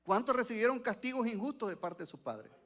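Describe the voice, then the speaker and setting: A man's voice: very high-pitched, expressive, a little fast, a bit bright. A male pastor preaching a sermon to a church congregation, asking them questions and waiting for their answers.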